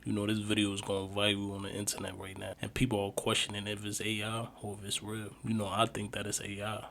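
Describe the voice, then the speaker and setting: A man's voice: fairly low pitch, monotone, quick pace, vocal fry, background noise. A man hosting a video, casually commenting on viral clips and speculating. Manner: conversational, speculative. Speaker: host reacting to viral clips. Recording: loud background music.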